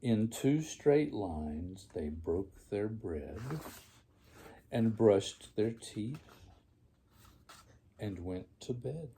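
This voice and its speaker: An old man reads a picture book aloud as a grandfather would to a child. His voice is dark and mellow, with a gravelly creak, and he takes each phrase very slowly and deliberately. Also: fairly low pitch, expressive, a little hiss or hum. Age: older, grandfather. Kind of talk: storybook read aloud.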